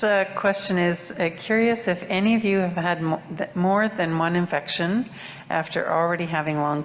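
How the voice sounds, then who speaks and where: A woman reading online audience questions to a panel, speaking courteously. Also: low voice. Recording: long reverb.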